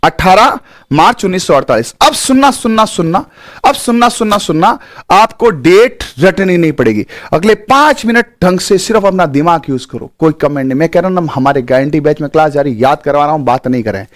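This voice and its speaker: Male teacher, middle-aged, animated and coaxing, repeats key points, lively swooping pitch, dry close sound. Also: a little fast, no room sound. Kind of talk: live online exam-prep lesson.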